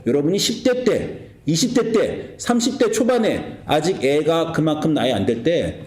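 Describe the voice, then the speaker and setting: A middle-aged male pastor preaching a sermon in a lively way, acting out scripture and family quarrels in raised voices. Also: on the high side, moderate pace, echoey room.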